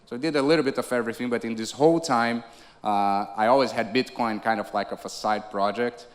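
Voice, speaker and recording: A man's voice: medium pitch, steady tone, brisk. A Brazilian man in his forties giving a conversational conference talk, often restarting and laughing lightly. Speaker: conference speaker. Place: theater stage. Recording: long reverb of a theater hall.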